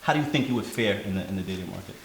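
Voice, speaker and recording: A man hosts a casual roundtable. He asks loose, halting questions and repeats fillers like "awesome" and "yeah". His voice sounds roomy, with a faint hiss behind it. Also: sits low, animated, creaky. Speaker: host. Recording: echoey room with faint hiss.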